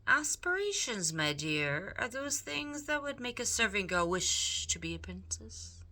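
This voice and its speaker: Woman putting on a suave, scheming storybook rat gentleman. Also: fairly high pitch, big pitch swings, measured pace, pitched above the performer's own voice, full character voice. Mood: persuasive, scheming. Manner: theatrical, formal, ingratiating speech. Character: suave, scheming male rat, courtly and flattering. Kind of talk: storybook character read aloud.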